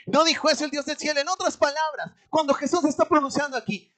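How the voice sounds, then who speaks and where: High-voiced Peruvian preacher. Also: fast talker. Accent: Peruvian Spanish. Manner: keeps calling out "my dear brother" and asks the congregation rhetorical questions; dramatic swings between loud and hushed. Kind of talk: sermon.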